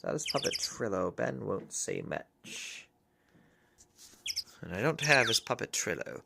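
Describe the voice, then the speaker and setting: Low-voiced woman doing game commentary. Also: lively intonation, unhurried, creaky, heavy background noise. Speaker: game streamer. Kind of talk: casual playthrough commentary. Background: game music.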